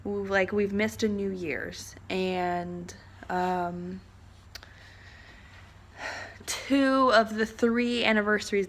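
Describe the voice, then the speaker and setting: A woman's voice: fairly low pitch, creaky, fairly bright tone, a little hiss or hum. Young adult woman, casual vlogger; rambling, filler-heavy delivery. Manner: rambling, chatty, frequent "like" and "um". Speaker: vlogger, military spouse. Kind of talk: casual chat to camera.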